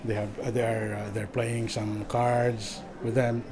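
A man, an organization official, answering informally in an interview, haltingly and repeating words as he searches for phrasing. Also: on the low side, little pitch movement, noisy background. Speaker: community organization vice president.

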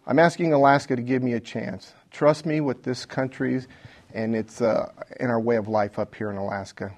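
A middle-aged man speaking as a political candidate in a debate, plain-spoken and blunt, with halting phrasing. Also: medium pitch, steady tone, a little mellow. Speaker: congressional candidate. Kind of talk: unscripted debate statement.

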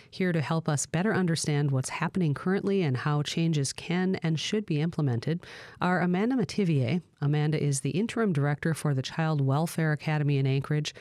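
A woman's voice: sits low, fairly quick, a little mellow, dry recording, clean studio sound. A woman hosting a radio talk show, presenting scripted introductions and questions to guests.

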